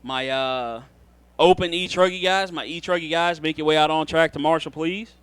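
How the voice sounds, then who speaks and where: A man's voice: fairly high pitch, steady tone, normal speed, fairly bright tone, smooth, no echo. A man doing live trackside race announcing, talking to drivers in an informal, folksy way.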